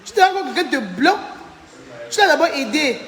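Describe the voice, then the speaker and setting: A woman's voice: sits high, sing-song, fairly quick, fairly bright tone, echoey room, in a large hall. A tired woman chatting on a live stream, thanking viewers by name and venting about a falling-out. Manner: chatty, reads out viewer names, indignant. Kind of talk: casual live-stream chat.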